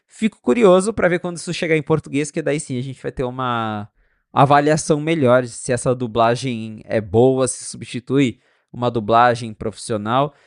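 A man co-hosting a podcast in casual tech chat, animated and chatty, acting out little dialogues with friends. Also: mid-range voice, normal speed, no echo, studio quality. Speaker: podcast co-host.

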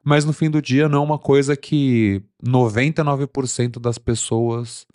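A man's voice: mid-range voice, fairly even intonation, normal speed, a little mellow, no room sound, clean studio sound. Opinionated Brazilian man in tech chat. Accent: Brazilian Portuguese. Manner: opinionated, conversational. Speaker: tech podcast co-host. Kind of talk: casual chat.

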